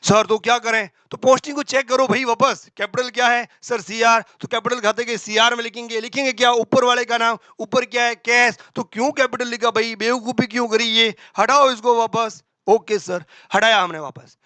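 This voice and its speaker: Brisk, bright-voiced male tutor. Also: very high-pitched, steady tone, dry recording. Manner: brisk, voices imagined student questions. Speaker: accountancy teacher. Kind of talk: exam-prep lecture.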